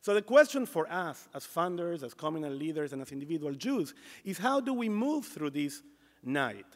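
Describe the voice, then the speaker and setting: A man's voice: fairly high pitch, big pitch swings, moderate pace. Man, middle-aged, keynote speech, emphatic, earnest, podium mic, long hall reverb. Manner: earnest, emphatic, with repeated restarts. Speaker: CEO giving a conference address. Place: large conference hall stage, at a podium. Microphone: podium microphone.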